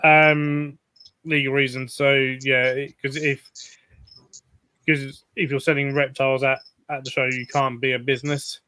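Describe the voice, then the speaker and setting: A man hosting a casual live stream chat, explaining things in a relaxed way with fillers and restarts. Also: mid-range voice, unhurried, smooth, no echo, poor audio.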